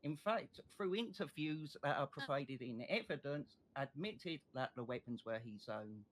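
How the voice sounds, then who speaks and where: A man playing a state prosecutor in an online courtroom role-play, making a passionate, deliberate closing argument. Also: medium pitch, animated, natural voice, poor audio. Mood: accusing, impassioned.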